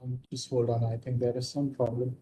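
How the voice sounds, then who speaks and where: A man, heard over a video call, gives a conference address in a halting way with frequent ums. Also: mid-range voice, completely flat delivery, warm tone. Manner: halting, with frequent ums while checking his screen share. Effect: remote speaker heard over a video call. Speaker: senior advisor giving an opening address. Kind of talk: conference presentation.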